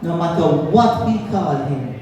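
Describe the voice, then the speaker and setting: A Jamaican man with a high voice delivers an impassioned political rally speech. He sounds far from the mic in a large hall, with very heavy echo and long reverb around his words. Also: expressive, normal speed, mellow. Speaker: political party speaker. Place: large hall at a party conference.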